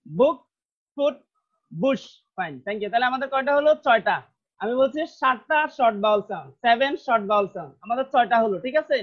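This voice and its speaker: A Bangladeshi-accented man leads a classroom pronunciation lesson, saying each word over and over and drilling the sounds. The recording is a little dull and muffled. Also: very high-pitched. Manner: slow, repeats words many times, drills sounds. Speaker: English teacher.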